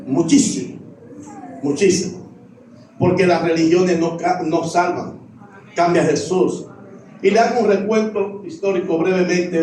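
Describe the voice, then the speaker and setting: A man's voice: on the high side, dark tone, a little hiss or hum. A middle-aged man, a pastor, preaching a sermon with repeated refrains. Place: church sanctuary. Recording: echoey church, voice from far off.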